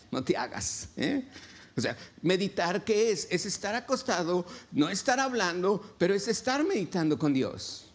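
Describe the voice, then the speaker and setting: Male pastor, sermon, slightly high voice, unhurried. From Mexico. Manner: slow, lively preaching with questions to the congregation. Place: church.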